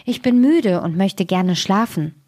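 A woman's voice: mid-range voice, animated, measured pace, warm tone, no echo. An easygoing storybook dog, male, hungry and sleepy, talking plainly and simply, voiced by a woman reading the tale. The sound is dry and close. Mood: content.

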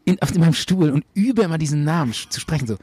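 Podcast co-host, young man, husky, slightly high voice, lively storyteller, dry close mic. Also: fast, dry recording. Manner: animated storyteller, acts out quoted voices, many restarts. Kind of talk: casual chat, telling a dream.

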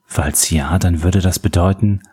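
Deep, husky male audiobook narrator. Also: steady tone, unhurried, mellow. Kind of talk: scripted narration.

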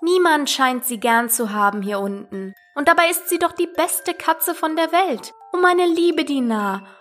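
A woman's voice: high-pitched, very animated, normal speed, fairly bright tone, faint music behind, voice pushed up. A woman voicing a curious, polite young girl who talks eagerly and earnestly.

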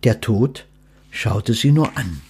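A man hosts a podcast, reading a story aloud and then reflecting in a gently instructive way. His voice is husky and slow. His pitch moves in a lively way.

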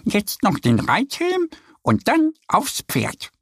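A man voicing a little female duck, eager and bubbly, with a very high voice. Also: wildly swooping pitch, takes it slowly, fairly bright tone, breathy edge, dry recording, clean studio sound, exaggerated voice.

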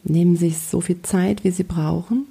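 Soothing, mellow woman guiding a relaxation. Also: fairly low pitch, steady tone, creaky, husky. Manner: slow, soothing, gentle guiding delivery. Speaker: coach and podcast host. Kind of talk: guided relaxation meditation.

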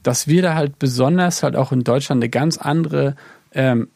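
Reflecting on worship music in a relaxed podcast talk, a German man thinks out loud with plenty of fillers. He has a gravelly, darkish, mid-range voice at a moderate pace, and the studio recording is clean with no room sound.

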